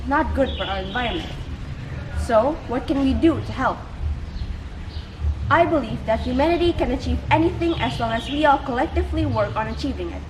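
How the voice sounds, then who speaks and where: A young woman gives a formal contest speech in a stiff, memorized, carefully enunciated way. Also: high voice. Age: young adult. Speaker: student speech contest speaker. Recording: clear background ambient noise.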